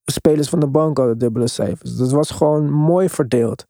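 A man's voice: medium pitch, normal speed, dark tone, dry recording, studio quality. A man in a casual, emphatic sports discussion, mixing in English slang as he hosts. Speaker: podcast host.

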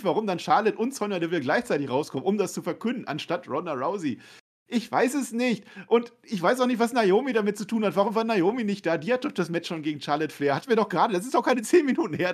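Man, wrestling podcast co-host, bemused and puzzled, animated pitch, slightly high voice. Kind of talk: casual wrestling recap chat.

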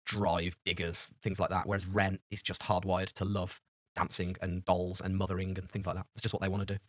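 Fast-talking man, chatty. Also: low-pitched, completely flat delivery, no room sound. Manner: chatty, laughs often, slangy. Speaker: podcast co-host. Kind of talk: casual chat.

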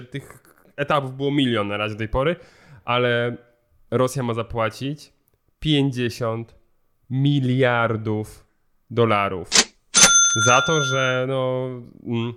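Man with a smooth, clear voice. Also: medium pitch, fairly bright tone. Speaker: podcast co-host. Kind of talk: casual podcast discussion.

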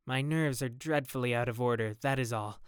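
A haunted young gentleman, melancholy and on edge, his voice raised with strain. A man performs him in a smooth, dry reading. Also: medium pitch, fairly quick, no echo, lightly acted. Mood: weary, nervous. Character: troubled, brooding young gentleman.

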